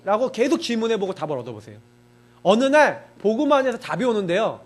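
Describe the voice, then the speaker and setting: A middle-aged male pastor preaching in a high, bright voice. His pitch swings widely as he tells personal stories. He keeps it conversational and acts out his own thoughts with emphatic asides. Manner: animated, conversational preaching with frequent emphatic particles. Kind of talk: sermon with personal anecdotes.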